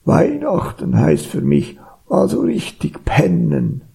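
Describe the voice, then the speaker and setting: A lazy storybook badger drawls about sleep in a voice pitched far up. The tone is rough and husky. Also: male voice, wildly swooping pitch, slow, warm tone, full character voice. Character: lazy sleepy badger who loves naps.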